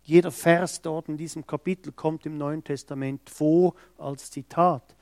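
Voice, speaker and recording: Man, mid-high voice, preaching slowly and deliberately, dry close sound. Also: steady tone, darkish tone, no echo. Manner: slow, emphatic, acts out quoted speech. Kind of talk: sermon.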